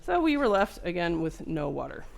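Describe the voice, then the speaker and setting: A woman's voice: lowish voice, big pitch swings, moderate pace, creaky. A woman running a hands-on repair tutorial, chatting casually and jumping between a personal story and narrating each step of her work at the bench. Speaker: microsoldering repair technician and instructor. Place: repair workbench.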